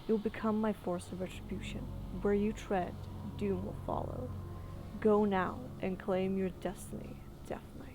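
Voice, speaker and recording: A woman reading aloud the game lines of an undead king who solemnly commands his knight, in a measured, declaiming way. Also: mid-range voice, little pitch movement, lightly acted. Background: game music.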